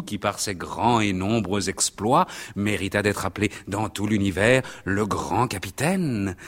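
A man reading a learned, measured village priest. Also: lowish voice, fairly bright tone, full character voice. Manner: measured, authoritative.

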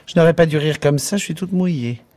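A man voicing a sharp-tongued young woman barmaid, high, shrill and indignant. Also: fairly quick, close to an everyday voice. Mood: giggly.

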